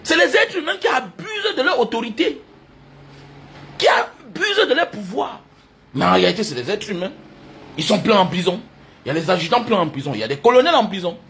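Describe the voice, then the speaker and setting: High, lively man ranting emphatically. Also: a little fast, creaky. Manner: emphatic, repetitive, hectoring with bursts of laughter. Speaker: commentator addressing online critics. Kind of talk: impassioned monologue.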